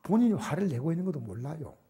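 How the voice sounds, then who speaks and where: An older man preaches to his congregation in a church sanctuary. His voice is dark and mellow, with a husky, breathy edge. He presses his points loudly, then falls to hushed, almost whispered asides. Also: a little high, very animated, quick pace. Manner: shifts from loud emphatic exhortation to soft, near-whispered asides. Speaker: pastor. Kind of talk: sermon.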